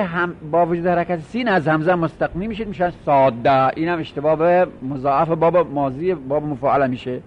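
A man teaching a grammar lesson, patiently repeating and drilling example words as he explains each rule step by step. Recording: dull lo-fi recording with faint rumble.

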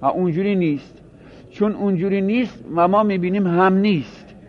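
Man lecturing, dull lo-fi recording. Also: high voice. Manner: explains by repeating phrases and asking himself rhetorical questions. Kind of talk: classroom lecture on Arabic grammar.

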